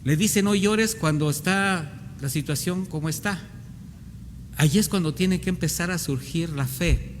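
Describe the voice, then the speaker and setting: Pastor preaching, earnest, acts out doubters' voices, echoey church hall. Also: male voice, a little high, measured pace. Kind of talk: sermon. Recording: reverberant church hall, faint background noise.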